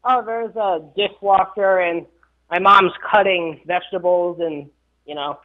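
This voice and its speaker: A fairly high-pitched young man calls in to a radio show, his voice muffled and dulled by the phone line. He stumbles over his first words, then hurries through a long, run-on question. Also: steady tone, measured pace. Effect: calling in over a phone line.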